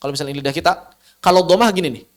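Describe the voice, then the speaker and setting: A man teaching a recitation lesson online, patiently explaining and demonstrating sounds by repeating drawn-out syllables, often asking and answering his own questions. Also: a little high. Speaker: tajwid teacher.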